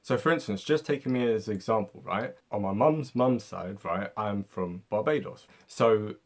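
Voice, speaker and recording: British guy talking through history stuff, lowish husky voice, keeps saying right and you know. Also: normal speed. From Britain. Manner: conversational, lots of fillers like "right?" and "you know". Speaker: history video host. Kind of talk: casual explainer.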